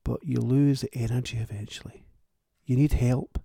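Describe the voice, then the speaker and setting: A man with a warm, low-toned voice and a little fry in it hosts his own show. He speaks alone in a plain-spoken, thoughtful and wry way. The sound is close and dry, with no room around it. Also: fairly even intonation, moderate pace, no echo. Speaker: author and podcast host. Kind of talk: reflective solo monologue.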